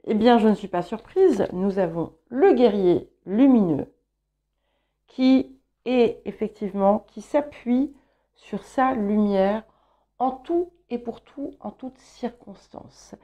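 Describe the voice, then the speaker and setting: A woman whose first language is English, giving a calm, reflective tarot guidance reading with gentle encouragement. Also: on the high side, slow, lo-fi sound. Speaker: tarot reader.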